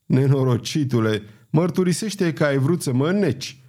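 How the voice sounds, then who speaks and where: A man's voice: fairly high pitch, animated, mellow. A male audiobook reader voicing a bold knight who speaks firmly and commands. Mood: stern. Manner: firm, commanding, sarcastic. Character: daring swashbuckling male knight, stern and commanding.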